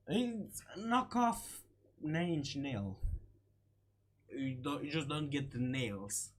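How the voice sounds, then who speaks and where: This man, who makes gaming videos, talks over gameplay off the cuff in a somewhat high voice. His delivery is halting, with short phrases said twice, and he sounds a little hoarse from a cold.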